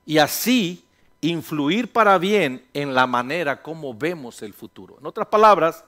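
A middle-aged pastor gives a sermon in a relaxed, conversational style at a measured pace, his voice a little high for a man. Between points he teases his congregation and acts out the voices in his head.

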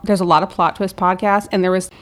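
Female podcast co-host, lowish voice, casual and explanatory. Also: steady tone, quick pace. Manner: informal, conversational.

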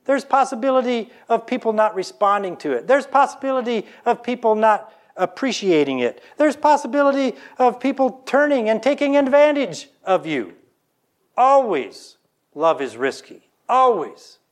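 A man's voice: big pitch swings, moderate pace. A man preaching a sermon, earnestly leading the congregation to repeat lines after him. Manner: earnest preaching with swings between loud emphasis and soft low lines; leads the congregation in call-and-response. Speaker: pastor.

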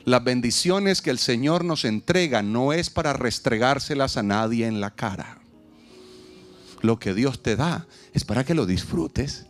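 A man, preaching an outdoor sermon as pastor, animated and humorous, acting out little dialogues and asking the crowd to repeat after him. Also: mid-range voice. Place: outdoors in a parking lot.

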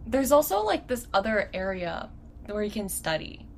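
A woman's voice: medium pitch, big pitch swings, normal speed, creaky, a little hiss or hum. A young woman co-hosting a casual student podcast, chatting loosely with many "like" fillers. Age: young adult. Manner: chatty, lots of "like" fillers, laughs often. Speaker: podcast co-host, university student. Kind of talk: casual chat.

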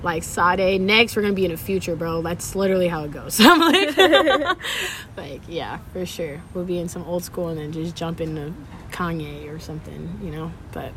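A young woman DJ from Sacramento, California, talks in a relaxed, slangy way during a casual interview, laughing often and using lots of fillers. Her low voice is expressive and fairly bright, at a normal speed, on a noisy recording.

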